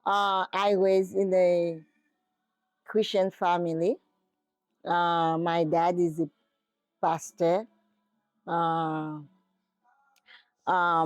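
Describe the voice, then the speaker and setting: Slow, hesitant Haitian woman. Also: lowish voice, darkish tone, no room sound. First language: Haitian Creole and French. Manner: hesitant, searching for English words. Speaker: interviewee. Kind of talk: casual interview.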